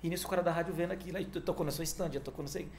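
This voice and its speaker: A man telling a story in a casual interview, animated and peppered with "cara", acting out the other voices in it. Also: a little high, racing, a crowd in the background. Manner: animated, fills talk with "cara", acts out quoted dialogue. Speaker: guest, music manager.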